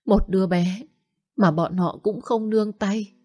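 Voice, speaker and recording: A woman's voice: mid-range voice, steady tone, unhurried, warm tone, slightly rough, pitched above the performer's own voice. A woman voicing a scheming young woman who fakes a miscarriage, pleading in a raised, whiny voice.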